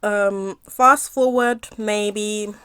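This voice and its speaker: A woman's voice: mid-range voice, steady tone, a bit bright, clear, resonant tone, no echo. Chatty young woman eating and talking. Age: young adult. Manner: chatty, rambling with many fillers, pauses to eat. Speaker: mukbang vlogger. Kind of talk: casual storytime while eating.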